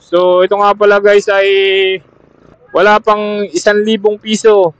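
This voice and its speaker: Out riding on a road, a motovlogger with a Filipino accent reviews gear and chats casually with fellow riders in a high, level, smooth voice, a little slowly. A helmet intercom over Bluetooth serves as his external camera mic, so the dry recording sounds dull and muffled.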